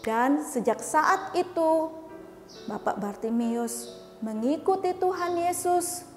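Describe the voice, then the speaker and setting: A woman teaching Sunday school, telling a Bible story to children in a lively way and asking them questions. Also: high voice. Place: church hall. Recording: echoey church hall, faint music.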